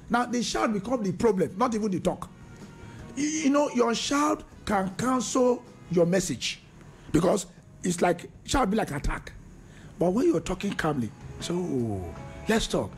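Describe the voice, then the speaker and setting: A man's voice: sits high, creaky. A man, a radio panelist chatting about relationships in Pidgin, laughing often and restarting his sentences. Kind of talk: casual radio discussion in Pidgin.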